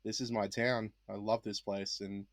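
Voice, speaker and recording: An Australian man, a high school English teacher, telling stories casually and with animation as a podcast guest. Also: normal speed, no echo, clean studio sound. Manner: chatty, animated, many fillers and asides. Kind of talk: casual interview storytelling.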